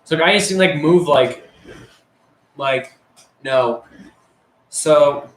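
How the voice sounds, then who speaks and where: A teenage guy with a slightly high voice rambles through crude school stories, swearing constantly and tripping over fillers. The room around him is bare and echoey. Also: takes it slowly. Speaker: storyteller. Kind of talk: casual storytelling.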